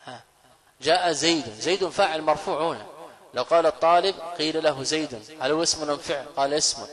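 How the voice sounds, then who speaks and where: A man, a scholar teaching grammar in a classroom lecture, who asks questions and answers them himself and slowly repeats key phrases. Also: a little high, fairly bright tone.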